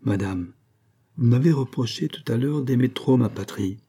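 A man's voice: mid-range voice, warm tone, slightly rough, lightly acted. A man reading aloud, voicing a grave, respectful doctor who speaks frankly in a storybook reading. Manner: measured, solemn.

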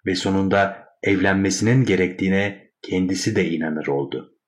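A man narrating a classic short story in a measured, wry storytelling manner. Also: sits low, steady tone.

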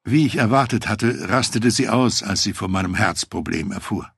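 A man reading a first-person memoir aloud, telling the story in a measured, reflective way. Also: fairly low pitch, expressive, creaky, fairly bright tone, slightly rough, no echo, clean studio sound. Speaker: audiobook narrator.

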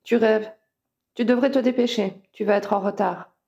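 A woman's voice: medium pitch, moderate pace, vocal fry, mellow, highs cut off, natural voice. A woman voicing grumbling young wizard Owen. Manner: sulky, reluctant. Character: grumbling young male wizard, wary of non-magic world.

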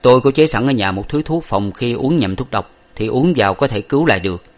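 A man's voice: mid-range voice, expressive, a little fast, voice pushed up, natural voice. A man voicing an earnest young man who reassures his beloved, in an audiobook of an old novel. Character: earnest young man, lover bound for study abroad.

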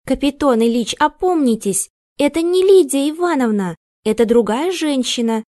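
A woman voicing a brisk young housemaid who speaks sharply. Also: on the high side, animated. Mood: urgent. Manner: sharp, shouting into an ear.

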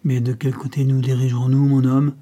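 A man reading the part of a stout, bossy woman trader with a brisk way of talking. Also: medium pitch, flat delivery, mellow, natural voice. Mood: scheming.

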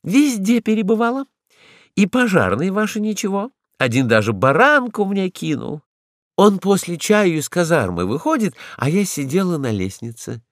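A man's voice: high-pitched, very animated, normal speed, no echo, clean studio sound, voice pushed up. A man voicing a cheeky, sly female stray dog in a storybook reading, coy and ingratiating.

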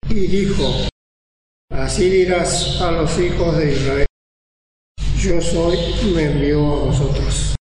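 Guy in the congregation reading a bible verse real slow, far off in a big echoey hall, people all around. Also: on the high side, darkish tone. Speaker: congregation member reading scripture. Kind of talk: slow scripture reading aloud.

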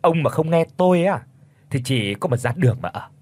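A man voicing a shrill, spiteful middle-aged daughter-in-law in an audiobook, hissing and scornful. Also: very animated, moderate pace, no room sound. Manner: hisses and shrieks, scornful.

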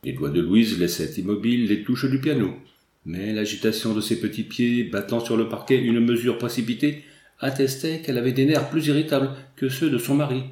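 Un narrateur masculin de livre audio, au débit posé et à la diction soignée. La prise de son a un écho de pièce bien audible. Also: male voice, medium pitch, fairly quick, darkish tone. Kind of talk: scripted narration. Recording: roomy echo.

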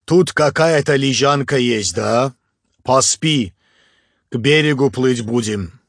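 A male narrator voicing a big, cheerful, good-natured boat skipper who talks slowly and tags phrases with a questioning "da?". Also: mid-range voice, no room sound, studio quality, voice pushed up. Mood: calm. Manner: slow, drawn-out, ends phrases with a questioning "da?". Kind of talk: audiobook character voice.

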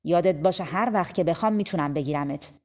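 A woman's voice: fairly low pitch, a little mellow, lightly acted. A woman voicing a stern, clever prince. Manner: commanding, deliberate. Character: bold clever male prince, stern and firm.

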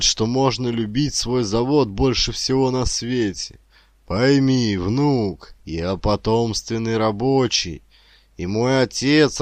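A male reader voicing a stern old shipyard worker who talks gruffly and emphatically. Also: medium pitch, darkish tone, dry recording, voice pushed up, lightly acted. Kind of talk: audiobook character reading.

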